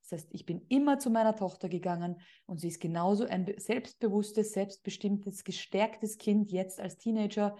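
A woman's voice: medium pitch, normal speed, few pauses, dark tone. A middle-aged woman hosting a podcast interview as a parent coach, speaking in an outspoken, emphatic way.

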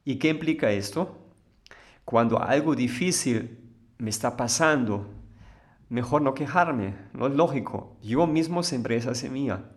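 A man teaches in a calm, explanatory way. He keeps posing rhetorical questions to his listeners and then answers them himself. His voice sits at an ordinary middle pitch for a man. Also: measured pace. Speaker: spiritual teacher. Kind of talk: explanatory talk.

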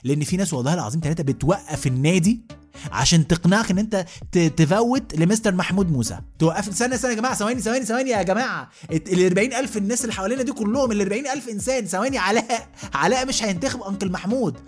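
A man's voice: high voice, expressive, rapid-fire, husky, soft background music. An Egyptian man in his thirties delivering a comic rant as a podcast host, asking "you know what I mean" again and again. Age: 30s. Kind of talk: comic monologue.

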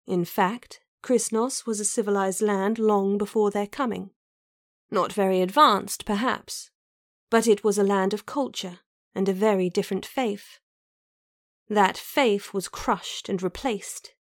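A woman voicing a cool, probing noblewoman who speaks in a measured, deliberate way. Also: mid-range voice, dry recording, studio quality, close to an everyday voice. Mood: challenging. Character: cool, probing noblewoman, middle-aged, unrelenting. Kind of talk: audiobook character reading.

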